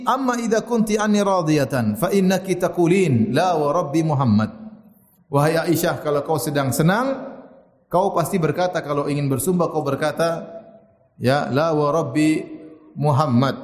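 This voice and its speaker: Man preaching in an echoey hall. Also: on the high side. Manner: lively storytelling with Arabic quotes and jokes. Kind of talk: sermon.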